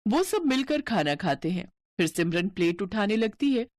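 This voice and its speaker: A woman narrating a cartoon story in a clear, steady storytelling way. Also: medium pitch, moderate pace, a little hiss or hum.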